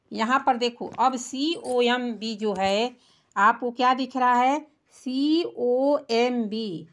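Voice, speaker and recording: A woman's voice: on the high side, a bit bright. A woman teaching children English singular and plural words, patiently spelling them out letter by letter. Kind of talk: children's English vocabulary lesson.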